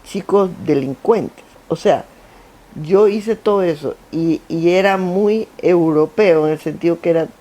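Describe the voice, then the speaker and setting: An older Ecuadorian woman with a warm, low voice speaks unhurriedly in Guayaquil coastal Spanish. As the guest on a theater stage and founder of a foundation, she gives a conversational, storytelling interview, animated and full of anecdotes, with repetitive lists.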